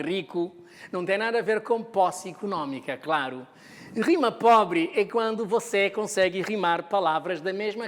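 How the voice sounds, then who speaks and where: Lady teacher explaining a lesson, asks questions then answers em, echoey hall sound. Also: medium pitch. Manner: explanatory, poses questions to the viewer and answers them. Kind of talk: televised classroom lesson. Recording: long reverb of a hall.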